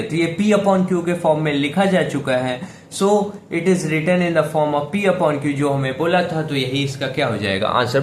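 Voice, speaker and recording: A man teaching a math lesson step by step. He talks patiently and keeps asking and answering his own questions. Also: fairly high pitch. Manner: patient, repeats questions to the viewer, says "theek hai" often. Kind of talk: step-by-step classroom explanation. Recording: echoey room with faint background hiss.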